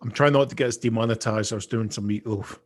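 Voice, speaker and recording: A man with a husky voice chatting casually as a tabletop game player on a video call. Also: lowish voice, fast talker.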